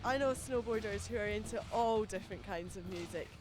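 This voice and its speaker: A woman from the Highlands, a pro snowboarder answering interview questions in a chatty way, full of fillers. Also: fairly quick, over music. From Highlands of Scotland. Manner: chatty, many fillers, light and giggly. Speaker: professional snowboarder, interview guest.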